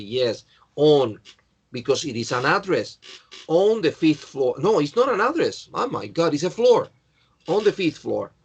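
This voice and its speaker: A man's voice: on the high side, husky, lo-fi sound. A man teaching an English class, going through answers and correcting students by name in a patient way. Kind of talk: online class, checking answers.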